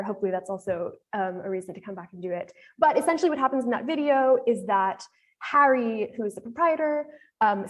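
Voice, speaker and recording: An American woman with a voice on the higher side gives a live demo presentation on a panel. Her delivery is casual and explanatory, with frequent fillers.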